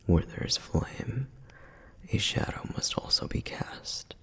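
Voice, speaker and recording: An audio roleplay performer plays a male flame demon, protective, reverent, and a softly flirtatious guide to lore, in an ASMR piece. His delivery is a breathy, husky whisper with natural voice too, gentle and measured with many pauses, and the mood is solemn and reverent. The sound carries a long hall echo.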